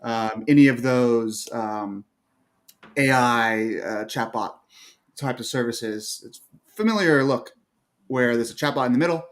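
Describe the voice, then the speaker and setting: A man co-hosting a casual livestream chat, walking through a product in a relaxed way with many fillers. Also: medium pitch, a little slow. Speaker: co-host.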